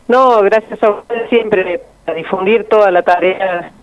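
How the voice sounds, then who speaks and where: A woman, an activist guest speaking earnestly and measured in a phone interview. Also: medium pitch, no room sound. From Argentina. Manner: earnest and measured, repeating words. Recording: tinny phone line.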